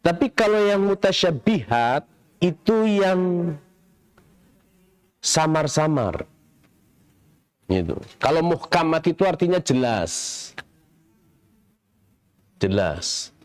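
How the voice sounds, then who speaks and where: A middle-aged man giving a Quran commentary lecture in a large mosque, explaining slowly and quizzing his audience. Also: fairly high pitch, very animated. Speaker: mosque preacher.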